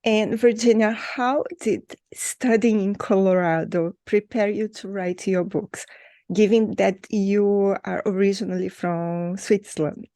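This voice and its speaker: A woman's voice: medium pitch, steady tone, unhurried, dark tone, no room sound. A woman interviewer asking questions in a conversational interview.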